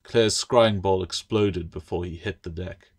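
A man, the author, reading his own fantasy novel aloud in steady, measured audiobook narration. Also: sits low, breathy edge.

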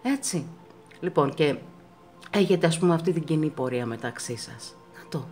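A woman giving a pick-a-card tarot reading to her viewers, reassuring them and repeating words for emphasis, her pitch swinging up often. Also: expressive, a little mellow, soft background music.

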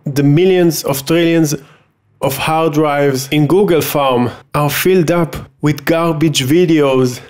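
Male reaction host, higher-set voice, sardonic and dismissive, casual delivery, close studio mic. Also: steady tone, slow pace, darkish tone, faint music behind. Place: small home room. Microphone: close studio mic on boom arm.

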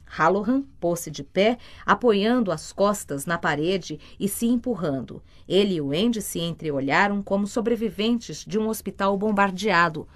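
A woman from Brazil reading a novel aloud as an audiobook narrator, steady and measured. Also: medium pitch. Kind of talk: scripted narration.

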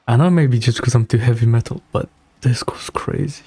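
A young streamer speaks a little fast, his medium-pitched voice mellow, slightly rough and carrying vocal fry, as he reacts live in casual slang. He's close to a boom-arm broadcast mic in a small room at home, with no room sound captured. In the background is music from the video he's watching.

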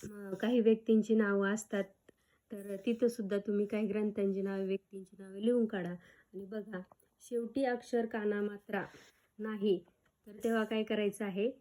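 A woman's voice: mid-range voice, little pitch movement, dark tone. A woman teacher giving a grammar lesson to schoolchildren, sounding out syllables one by one and asking questions back to the class. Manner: slow, syllable-by-syllable drilling with repeated questions.

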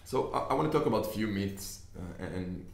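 A young Israeli man, a native Hebrew speaker with an Israeli accent, talks casually to camera from an indoor desk as a business investor. His voice is lowish and animated, a little fast, with vocal fry. He earnestly lays out his ideas with many restarts, and the room echoes.

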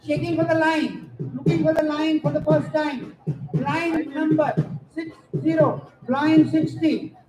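A man's voice: extremely high pitch, steady tone, unhurried, background noise. A middle-aged man with an Indian accent calling bingo numbers digit by digit over a microphone at an evening party. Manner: singsong announcing, numbers called digit by digit. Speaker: bingo caller at a Diwali party. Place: outdoor evening party in front of a stage. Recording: echoey event PA with loud music behind.

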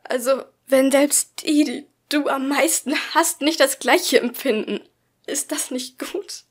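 A woman's voice: high voice, fairly even intonation, slow, pitched above the performer's own voice. A woman voicing a hurt, bullied teenage boy who pleads with a raised, strained voice in an amateur audiobook. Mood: pleading.

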